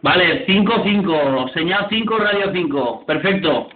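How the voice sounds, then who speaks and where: A man's voice: on the high side, expressive, measured pace, over a noisy crowd. A man from the province of Alicante chatting as a CB radio operator over the radio. He is friendly, repeats his words and keeps adding "eh?" and "no?". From province of Alicante, Spain. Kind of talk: casual radio contact chat. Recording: tinny CB radio with echo and loud static.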